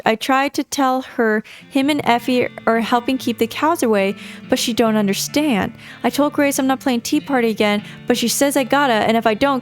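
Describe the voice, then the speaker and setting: A woman's voice: on the high side, close to an everyday voice. A woman voicing an uneasy little frontier girl's diary in a game, with a plaintive, childlike, rustic way of talking. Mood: sad, reluctant.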